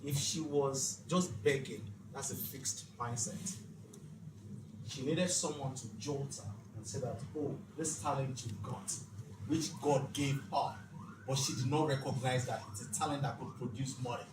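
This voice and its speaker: Delivering a motivational, faith-based teaching talk at a financial literacy leadership session, a man speaks emphatically like a preacher, posing rhetorical questions. His medium-pitched voice is a bit slow. The room echoes, the mic is distant, and background noise is clear.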